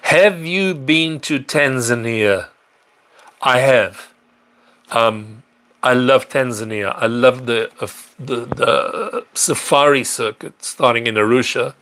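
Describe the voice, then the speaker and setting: A man's voice: mid-range voice, takes it slowly, fairly bright tone. A middle-aged man hosting a live stream, chatting casually and answering viewer questions, rambling with fillers and restarts. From South Africa. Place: apartment in a large city.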